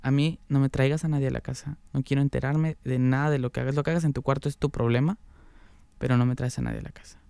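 A man's voice: medium pitch, fairly even intonation, fast talker, creaky, dark tone, smooth, no echo. A young man with a Mexican accent, an interview guest candidly telling a personal story in casual talk, laughing often and using slang.

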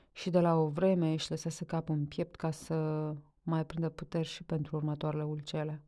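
A woman reading a story aloud in a measured, expressive way. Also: low-pitched.

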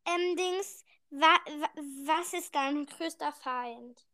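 A woman's voice: high-pitched, slow, background noise. A woman in casual, playful chat, asking questions as a partner in a challenge.

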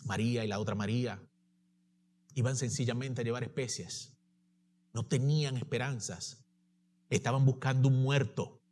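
A man preaching a sermon to his congregation, swinging from impassioned declarations to soft, tender passages. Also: mid-range voice, moderate pace, pauses often.

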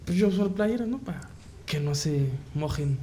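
Young Mexican man with deadpan quips. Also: high voice, normal speed, a little hiss or hum. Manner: deadpan interjections, self-mocking. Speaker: co-host. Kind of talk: casual comedic chat.

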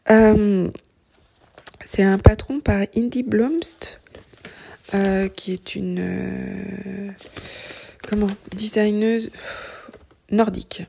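A woman in her thirties chatting casually about her knitting in a vlog, soft-spoken and often drifting into a whisper. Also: medium pitch, gravelly, husky. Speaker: knitting vlogger. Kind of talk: casual chat.

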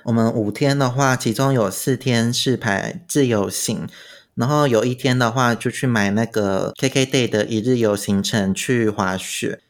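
A man's voice: medium pitch, normal speed. A man with a Taiwanese Mandarin accent chatting casually as a guest, recounting his travels. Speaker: podcast guest recounting a trip. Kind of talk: casual chat.

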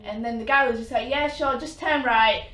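A fairly high-voiced woman tells a story with lots of animation. She acts out the other people in it as she goes. The room sounds echoey. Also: normal speed, recorded from a distance. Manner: animated retelling with quoted voices. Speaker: podcast co-host. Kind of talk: casual chat, storytelling.

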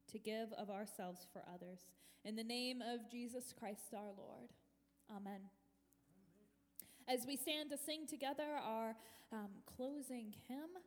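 Woman pastor with cathedral echo. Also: a little high. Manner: measured, solemn prayer with relaxed asides. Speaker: pastor leading worship. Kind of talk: liturgical prayer and service announcements. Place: large church sanctuary. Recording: long cathedral reverb in a big church.

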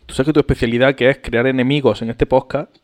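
Male co-host, quick and playful, amused reading out oddities. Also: medium pitch, fairly even intonation. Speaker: podcast co-host. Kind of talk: casual chat.

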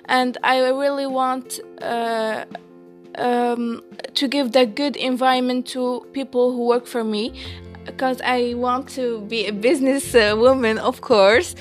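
A woman's voice: fairly high pitch, steady tone, slow, faint music behind. A woman in her late teens from Morocco, hosting a casual podcast chat, giggling often and stopping to restart with many fillers. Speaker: podcast co-host.

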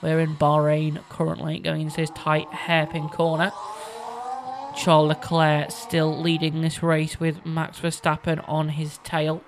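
A man's voice: on the high side, completely flat delivery, a little slow, vocal fry, slight background noise. A man giving casual, amateur-style motorsport commentary as a co-commentator.

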